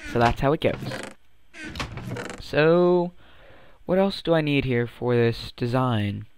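A man's voice: mid-range voice, lively intonation, takes it slowly, a little mellow, slight background noise. A young man hosting a gaming channel, a bit sick with voice cracks, chatting playfully and rambling through his let's-play. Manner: playful and rambling, with silly sing-song hype bits. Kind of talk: casual let's-play commentary.

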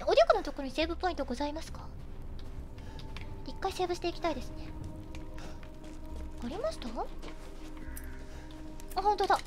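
A woman's voice: very high-pitched, big pitch swings, fast, long pauses. A young woman streaming a horror game, chatting in a playful, mock-aristocratic lady manner with dramatic outbursts. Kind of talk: casual game-stream commentary. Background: game music.

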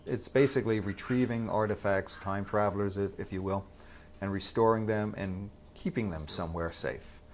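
A lower-pitched man explains his passion for detecting in a thoughtful, easygoing way, with conversational fillers. A faint low rumble sits behind his documentary interview. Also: fairly even intonation, moderate pace. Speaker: metal detectorist.

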